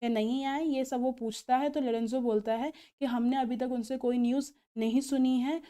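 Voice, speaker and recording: A woman teacher, explaining a play to students in a mix of languages and slowly reading its lines aloud. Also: high voice, fairly even intonation, mellow, smooth.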